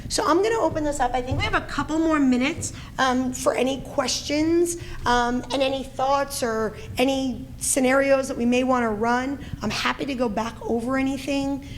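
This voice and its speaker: Brief: loud, animated Brooklyn woman, middle-aged, presenter, slightly high voice. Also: a little hiss or hum. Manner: loud, animated, quick talker. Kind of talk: conference presentation and Q&A.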